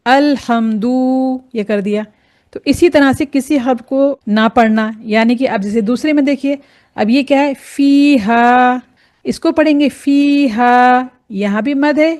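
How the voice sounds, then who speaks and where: Woman teacher, fairly high voice, patient, slow careful repetition of example words. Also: a little mellow. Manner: patient, repeats and contrasts example words slowly. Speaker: Quran recitation teacher. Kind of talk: explaining pronunciation rules with examples.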